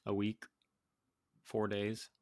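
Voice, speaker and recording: A young man co-hosts a casual podcast in a laid-back, unhurried way, often pausing on fillers. His voice sits a little low and sounds dry and close to the mic. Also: monotone, a little mellow, no echo. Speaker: podcast co-host. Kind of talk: casual banter.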